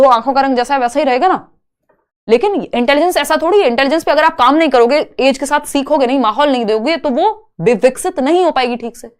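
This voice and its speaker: Young woman teacher, slightly high voice, reads questions slowly and explains them step by step. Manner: explains step by step, asks and answers her own questions. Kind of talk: exam-prep lecture.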